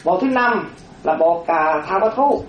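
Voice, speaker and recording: A Buddhist monastic teaching a dharma class, slowly repeating terms for note-taking, with chatty asides. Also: medium pitch, expressive, slight background noise. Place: classroom with a board. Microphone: distant room microphone. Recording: roomy, distant, dull lo-fi room recording.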